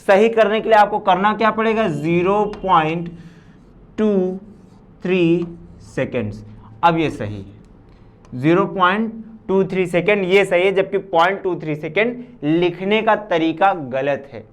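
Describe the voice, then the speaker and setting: A man's voice: high-pitched, lively intonation, normal speed. A man teaching a physics class, asking and answering his own questions and repeating points for the students. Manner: addresses students as children. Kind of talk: recorded class lecture.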